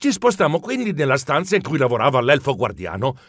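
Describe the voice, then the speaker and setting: Expressive man narrating a children's story. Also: mid-range voice, fairly quick, dry recording, studio quality.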